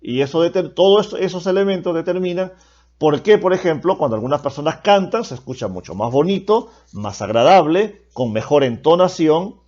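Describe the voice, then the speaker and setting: A man's voice: fairly high pitch, lively intonation, normal speed, darkish tone. A man teaching a class in a patient, explanatory way, often asking questions and adding a checking "¿no?" after his points. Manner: explanatory, asks rhetorical questions with tag "¿no?". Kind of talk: classroom lecture. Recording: dull lo-fi recording.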